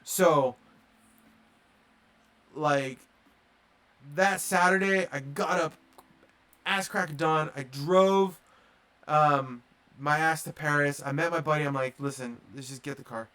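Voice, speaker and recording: A man's voice: fairly high pitch, takes it slowly, pauses often, a bit bright, smooth. A man telling a long casual story on a livestream, rambling with lots of fillers and acting out the dialogue. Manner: rambling, filler-heavy, acts out quoted dialogue. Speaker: streamer.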